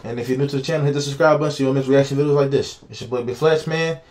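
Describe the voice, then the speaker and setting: A man's voice: mid-range voice, racing. A young man speaking, giving casual, slangy reaction commentary on a football game, talking straight to his viewers. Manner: excited, slangy, talks to viewers, laughs often. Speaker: sports reaction YouTuber.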